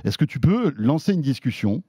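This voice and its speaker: A man hosting a tech discussion show, asking relaxed questions. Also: medium pitch, normal speed, slightly rough, no room sound, studio quality. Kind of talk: studio discussion.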